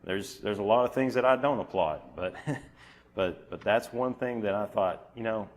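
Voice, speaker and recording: A man preaching an informal sermon in a church, talking in halting bursts full of restarts and fillers. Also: fairly low pitch, a little hiss or hum.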